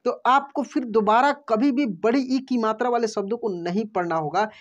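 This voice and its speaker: A man teaching a Hindi lesson online, patiently explaining and slowly drawing out each word before repeating it. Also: extremely high pitch, dull audio. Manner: addresses viewers as friends, patient and explanatory. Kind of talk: online lesson, reading words aloud.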